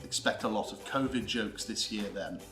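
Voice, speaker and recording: A British man from the United Kingdom presents a scripted history lesson in a theatrical, mock-lecturing style, with emphatic delivery and comic asides. His voice is on the low side and a bit bright, at a moderate pace, recorded with a roomy echo and guitar background music underneath.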